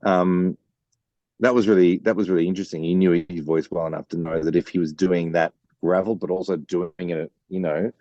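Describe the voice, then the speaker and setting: A man with a very low, mellow bass-baritone voice tells stories in an easygoing interview, full of fillers and restarts. The sound is dry and a little dull, like a lo-fi recording. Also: steady tone, a little fast, no echo. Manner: chatty, storytelling with many fillers. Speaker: guest songwriter. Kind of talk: casual interview chat.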